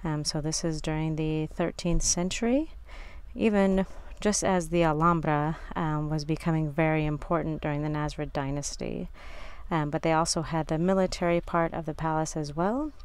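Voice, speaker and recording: A woman's voice: low-pitched, fairly even intonation, normal speed, a little mellow, smooth. A woman narrating a casual walking tour as a local guide, recorded outdoors on a handheld device. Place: outdoors in city garden and streets.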